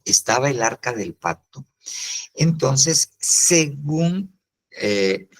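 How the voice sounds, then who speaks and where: An older man teaching a virtual Bible discipleship class, explaining step by step and often pausing with "entonces". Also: fairly low pitch, low-quality recording. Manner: explains slowly, pauses with "entonces" and "fíjese bien". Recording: live stream.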